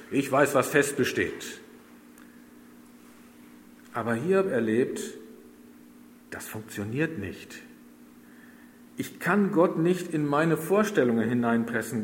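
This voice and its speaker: A man delivers a sermon slowly and earnestly, pausing often between phrases. His mid-pitched voice carries a long reverb through a large church hall. A faint ambience sits behind him. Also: a little hiss or hum. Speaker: preacher.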